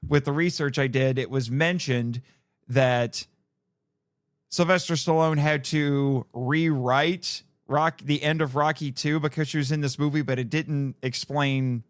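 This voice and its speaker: Man, fairly high voice, dry close sound, casual film podcast host, rambling explainer. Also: steady tone, measured pace, dry recording. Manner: rambling, explanatory, backtracks mid-thought.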